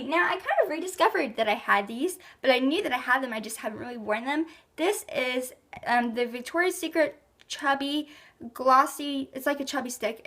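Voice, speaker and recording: Teen girl beauty vlogger, high voice, slightly sick and rough, chatty with fillers. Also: fairly bright tone. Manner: chatty, lots of ums and likes. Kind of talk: casual rambling product review.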